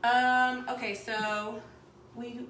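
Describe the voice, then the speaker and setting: A woman's voice: fairly high pitch, flat delivery, very slow. Chatty woman cooking at home. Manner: chatty and rambling while busy cooking. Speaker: cooking show host. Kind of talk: live cooking demonstration. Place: home kitchen, indoors. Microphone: camera mic at a distance across the counter. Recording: echoey kitchen with background noise.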